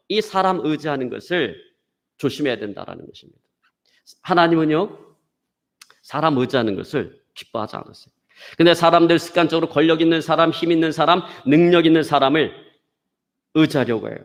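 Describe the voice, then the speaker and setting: Man pastor preaching, kinda high voice, keeps saying "everyone" to the crowd, tells a story. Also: lively intonation, brisk. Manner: preaching with a story, addresses the congregation often. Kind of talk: sermon.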